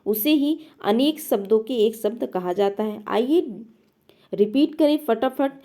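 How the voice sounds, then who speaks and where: High, mellow-voiced woman teaching grammar. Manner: asks and answers her own quiz questions, repeating key words. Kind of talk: exam-prep grammar lesson.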